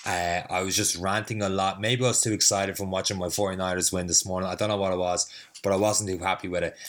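A man's voice: sits low, steady tone, fast talker, fairly bright tone. A man who is a fitness coach hosting his own podcast, talking casually with a cold, rambling and self-deprecating, with the mic a little further away. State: has a cold, sniffly. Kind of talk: casual solo podcast talk. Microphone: mic set a little further away than usual.

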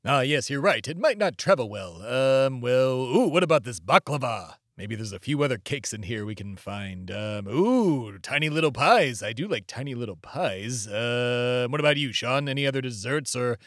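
A man's voice: medium pitch, animated, moderate pace, hardly any pauses, fairly bright tone, dry recording, studio quality. A man hosting a comedy podcast in character as a pompous, theatrical, boastful ageless host. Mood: musing.

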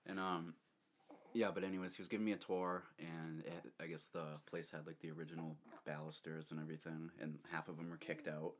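A man's voice: rumbling low, level tone, a little fast. A young man casually telling a rambling story, laughing often and restarting his sentences. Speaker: storyteller co-host.

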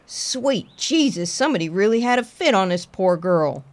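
A woman voicing a big, burly, gruff male sheriff in his fifties with a blunt, swearing drawl. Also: mid-range voice, animated, moderate pace, natural voice. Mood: shocked, gruff.

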